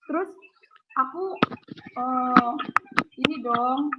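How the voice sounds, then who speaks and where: A woman's voice: high voice, extremely slow. A woman telling her life story over a phone line as an interview guest, rambling with many fillers. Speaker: interview guest giving testimony. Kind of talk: emotional personal testimony. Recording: tinny phone line, faint background hiss.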